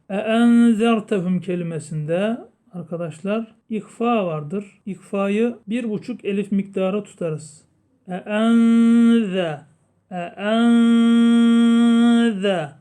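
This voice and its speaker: A man teaching Quran recitation rules, explaining slowly and chanting the verses long and drawn out. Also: high voice, mellow. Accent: Turkish. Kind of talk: tajweed lesson with chanted recitation.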